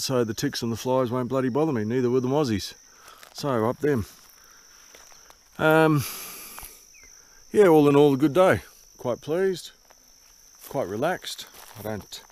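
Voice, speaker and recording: Older man with a broad Kiwi accent. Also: lowish voice. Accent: broad New Zealand. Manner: laid-back, dry humour, casual swearing. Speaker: solo bicycle touring vlogger. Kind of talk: casual rambling vlog. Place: outdoors in open bushland. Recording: outdoor noise with insects.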